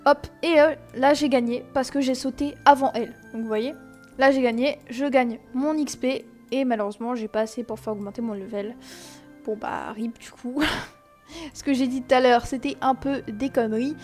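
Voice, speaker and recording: A woman's voice: sits high, normal speed, darkish tone, soft background music. A young woman hosting a casual game tutorial, chatty and explanatory, with many fillers and self-mocking asides, speaking into a desk microphone. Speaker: gaming tutorial host.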